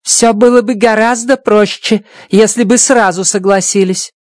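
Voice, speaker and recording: In an audiobook, a reader voices a stern, domineering woman mission chief who barks orders, shouting harshly in a coolly firm mood. The medium-pitched voice is steady, at a normal speed, and close to an everyday voice though pitched above the performer's own. The recording is dry, with clean studio sound.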